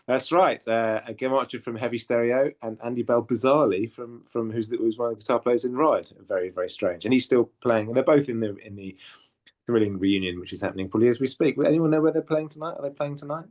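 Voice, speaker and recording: A man's voice: mid-range voice, fast talker, darkish tone. A man hosting a casual podcast chat, hesitant, with lots of ums and self-corrections. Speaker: podcast host.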